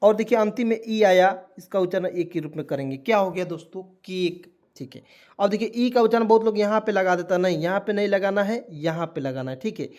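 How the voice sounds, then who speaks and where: A man's voice: sits high, fairly quick, darkish tone. A man teaching a spoken lesson, spelling words letter by letter and asking viewers questions again and again. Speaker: English teacher.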